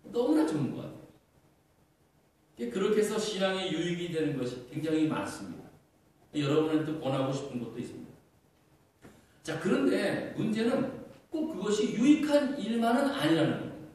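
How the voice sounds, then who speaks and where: A man's voice: high-pitched, big pitch swings, brisk, long pauses, a little mellow. A middle-aged male pastor delivering an earnest sermon, asking rhetorical questions and using fillers. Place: church sanctuary. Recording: echoey church hall, far from mic.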